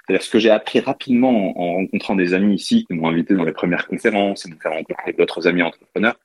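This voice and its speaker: A man's voice: deep voice, quick pace, husky, no room sound. A man from France, a startup co-founder, chatting casually as an interview guest, with lots of restarts and fillers. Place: London.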